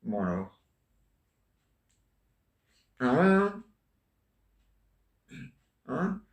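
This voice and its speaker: A man's voice: medium pitch, very animated, drawn-out words. A man talking in a meandering, joking monologue, full of little asides and fillers. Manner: meandering, jokey, filler-heavy. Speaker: vlogger. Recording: echoey room.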